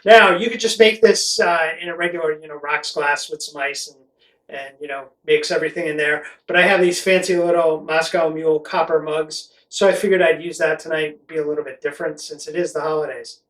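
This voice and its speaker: This middle-aged American vlog host hails from Connecticut and explains things to camera in a casual, rambling chat. His fairly high, bright voice stays steady and runs a little fast, captured with roomy echo on a distant mic.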